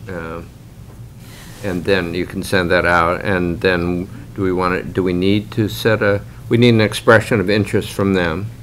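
A man's voice: low-pitched, level tone, normal speed, a bit bright, slight background noise. A man chairing a committee meeting, talking hesitantly and restarting sentences as he steers the agenda. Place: conference room around a large table.

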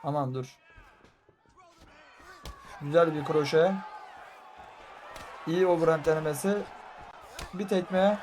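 A young man commentating live as he plays a fighting game, frustrated and excitable, muttering one moment and shouting the next. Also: on the high side, slow, long pauses. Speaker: gaming streamer. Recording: faint crowd and game noise behind.

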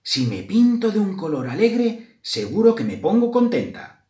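A storyteller voicing a gentle young girl mouse for a children's storybook reading. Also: medium pitch, sing-song, moderate pace, pitched above the performer's own voice, lightly acted. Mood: hopeful. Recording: roomy echo.

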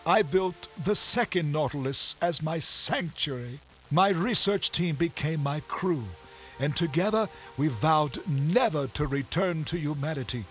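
Dying bitter old sea captain, voiced by a man, gasping and slow, raised pitch, lively swings in tone. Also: poor audio. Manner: gasping, grave, drawn-out delivery.

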